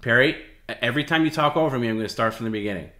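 Here a livestream host speaks at medium pitch, rapid-fire, his voice pushed and bright. He alternates dramatic reading-out with casual chat, repeating lines to goad emphatically, all in an echoey, roomy recording.

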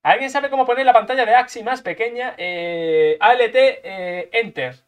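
Man, high-pitched, playful game commentary, lots of repeated sound effects. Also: normal speed, clear, resonant tone. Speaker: gaming streamer. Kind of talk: live gameplay commentary.

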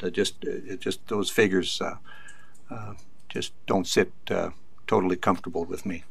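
A man with a very low, deep voice questions a presenter across a council chamber. He stops and restarts often, padding with uh, and sounds skeptical of the figures he's been given. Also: gravelly, noisy background. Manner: halting, many uh fillers, skeptical. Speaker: town councillor.

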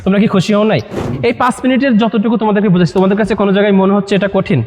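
A man's voice: sits high, steady tone, very fast, a little mellow, big-room sound. A man from Bangladesh presenting a Quran edition to a group of young men, coaxing them with questions. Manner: coaxing, asks listeners questions. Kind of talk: promotional talk to a live group.

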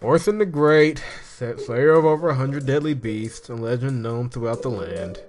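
A man's voice: mid-range voice, expressive, brisk, faint music behind, close to an everyday voice. A man reading the lines of a sarcastic young woman in a game, in his own everyday voice.

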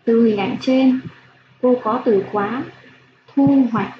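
A woman primary school teacher giving a slow phonics lesson for young children, spelling out sounds clearly with gentle instructions. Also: on the high side. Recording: echoey room, dull lo-fi sound, faint hiss.

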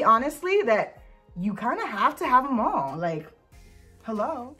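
A woman's voice: fairly high pitch, a bit bright. A young woman chatting casually in a vlog as she shows off dog clothes, gushing and sometimes cooing. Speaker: vlogger showing dog clothes. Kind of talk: casual product review vlog.

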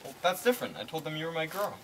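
A woman playing an older teenage boy who coaxes and smooth-talks in a stage play. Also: low-pitched, big pitch swings, racing. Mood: coaxing. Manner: coaxing, offhand, smooth-talking. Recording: loud background noise.

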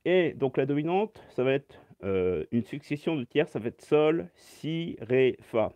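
A man's voice: medium pitch, lively intonation, measured pace, a little mellow, no echo. A man teaching saxophone in a live-stream Q&A, explaining step by step and answering chat comments aloud through his phone.

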